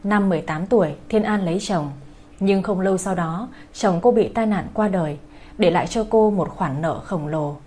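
A woman's voice: fairly low pitch, normal speed, warm tone, slightly rough. A woman host giving a polite, formal scripted introduction to an audiobook for her listeners. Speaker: channel host.

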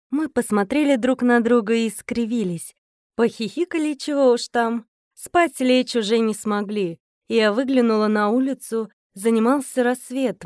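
Expressive female audiobook narrator, slightly high voice, dry studio sound. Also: no room sound. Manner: lively, expressive reading. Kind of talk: first-person audiobook narration.

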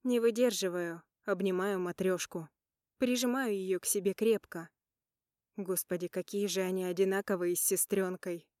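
Warm-toned woman narrating an audiobook. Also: mid-range voice, no room sound, clean studio sound. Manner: emotional, dramatic. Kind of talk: first-person audiobook narration.

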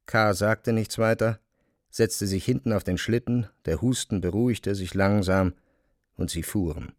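A man reading literary narration for a radio play, measured and even. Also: on the low side.

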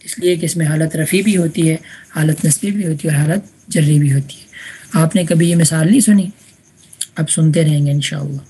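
A woman's voice: sits low, dark tone, husky. A woman teaching an Arabic grammar class online, patiently repeating examples and checking that students follow. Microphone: online voice chat room.

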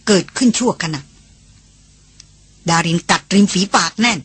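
Husky woman reading an audiobook. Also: mid-range voice, no room sound. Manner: steady, measured storytelling. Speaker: audiobook reader. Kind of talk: scripted narration.

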